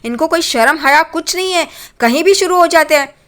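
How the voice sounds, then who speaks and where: A woman's voice: very high voice, brisk, fairly bright tone, voice pushed up. A woman voicing a scolding, easily angered middle-aged woman in a TV serial recap. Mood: indignant.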